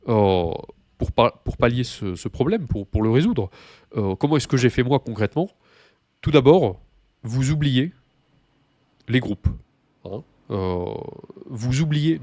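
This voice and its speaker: A man gives an informal language lesson in a voice of ordinary pitch. He explains patiently, often pausing, restarting and repeating key points. The recording is dry and close, with no room sound. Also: a little mellow, dry recording. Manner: informal and repetitive, with many hesitations. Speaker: language teacher.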